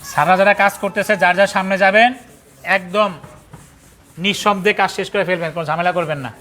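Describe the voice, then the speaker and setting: A Bangladeshi man leads a pathology class in a classroom, his voice pitched high and bright. He fires questions at the students and spells out medical words letter by letter. He jokes and scolds in a casual way. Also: steady tone, fairly quick. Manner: quizzing the class with call-and-response, spelling terms out letter by letter; scolding latecomers and joking in colloquial speech. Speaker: pathology trainer. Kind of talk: classroom lecture.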